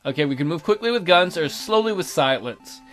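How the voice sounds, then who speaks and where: Fairly high-pitched and brisk, this man hosts a let's play, reading a visual novel aloud. He's jokey and animated, tossing in goofy asides, with background music running under his voice.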